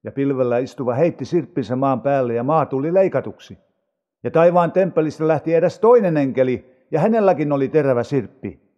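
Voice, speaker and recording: A man reading scripture aloud for an audio Bible in a measured, unhurried way. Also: medium pitch, animated, dark tone, long reverb tail, muffled recording.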